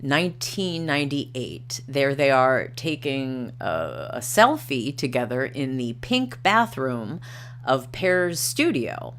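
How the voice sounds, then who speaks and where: Speaking slowly in a bass, sing-song voice with a fairly bright tone, this woman hosts a livestream, chatting casually and reading articles aloud. Norwegian isn't her first language. She sounds hesitant, uses many ums and uhs, and reads quotes aloud.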